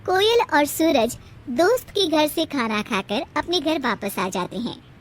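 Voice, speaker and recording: A woman narrating a cartoon story in a lively storytelling manner. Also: high voice, unhurried, a little hiss or hum.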